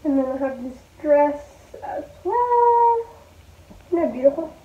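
A young woman in her twenties vlogging casually as she packs clothes, talking to viewers and thinking aloud. She records herself on a phone set low in a small bedroom. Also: sing-song, measured pace, noisy background. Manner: chatty, thinking aloud while packing clothes. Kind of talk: casual packing vlog. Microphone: phone camera set low on the floor. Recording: echoey room, tinny phone-like sound.

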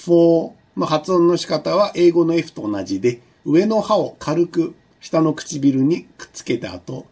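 A male university lecturer giving a recorded online lesson, explaining patiently with many fillers and slowing down to demonstrate sounds. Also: a little high, very animated, a little mellow, husky.

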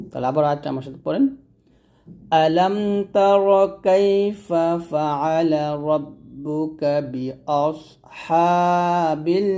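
A man's voice: a little high, a little mellow. Man teaching careful Quran recitation. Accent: Bangladeshi Bengali. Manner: spells out letters and vowel marks, then chants each verse slowly. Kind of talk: spoken lesson with slow chanted recitation.

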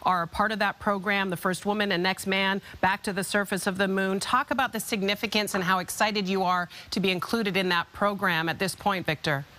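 A woman's voice: mid-range voice, steady tone, a little fast, hardly any pauses, sharp tone. A middle-aged American woman working as a morning TV anchor, interviewing live from a studio on a lapel mic. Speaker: television morning news anchor. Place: TV news studio.

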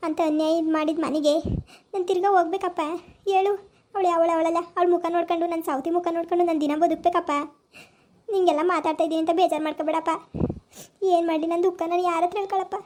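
A woman's voice: very high-pitched, steady tone, fast, darkish tone, a little hiss or hum. A woman voicing a grieving older mother-in-law who pleads through tears in a village family drama. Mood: tearful lament. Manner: pleading, sobbing complaints. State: crying.

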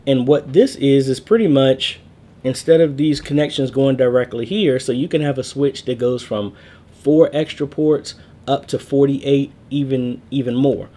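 With a warm, mid-range voice at a moderate pace, a thirties-aged man casually explains a church network over screen share, going step by step, using fillers and correcting himself now and then. He records indoors through a webcam.

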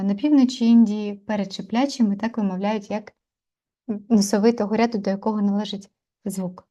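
A woman teaching Sanskrit pronunciation in an online lesson, explaining and repeating syllables slowly and carefully with pauses between them. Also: medium pitch, warm tone.

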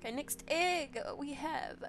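High, giggly young New woman gamer. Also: a little slow, loud music behind the voice. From New Zealand. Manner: chatty, giggly, excitable. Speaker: gaming channel host. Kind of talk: casual let's-play commentary.

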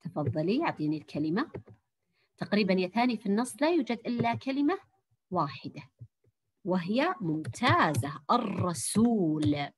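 A lively, encouraging primary school teacher leads an online Arabic lesson for young girls. Her medium-pitched voice is slightly rough, and she praises warmly, stretching out her words of encouragement.

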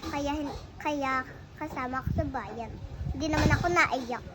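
A small sulky pet dog with a high, childish voice, done by a woman, vain and coy. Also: unhurried, noisy background.

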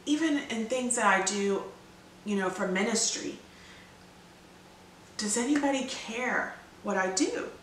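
Bright-voiced woman in a roomy echo. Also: mid-range voice, far from the mic, slight background noise. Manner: chatty, rambling with fillers and restarts. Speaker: devotional vlogger. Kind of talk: casual devotional talk. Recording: roomy echo from away from mic.

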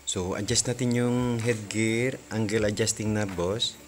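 A deep-voiced Filipino man talks through a welding helmet. His casual patter keeps calling the listener "boss". Soft music plays faintly behind him. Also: steady tone, measured pace. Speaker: vlogger demonstrating a welding helmet. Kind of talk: casual product unboxing and demo.

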